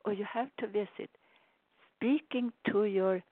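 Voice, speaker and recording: A woman's voice: medium pitch, no echo. A woman speaking as a spiritual guide in a soothing, repetitive way, moving between inspirational talk and guided relaxation. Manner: unhurried, soothing, repetitive phrasing. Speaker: spiritual author and meditation guide. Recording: dull, narrow phone-like sound.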